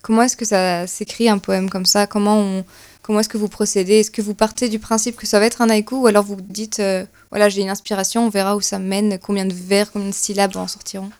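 Woman, interviewer, even flat intonation, measured questioning. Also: medium pitch.

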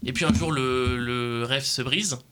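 A man's voice: mid-range voice, measured pace, a bit bright, clear, resonant tone. A young man born in Portugal, an interview guest telling his own path, with many hesitations. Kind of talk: studio interview.

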